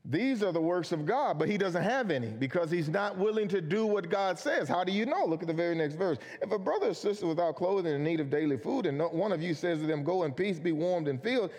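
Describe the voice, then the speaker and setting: A man's voice: high-pitched, darkish tone. A man preaching a Bible study sermon, earnest and emphatic, asking questions and answering them himself. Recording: long hall reverb.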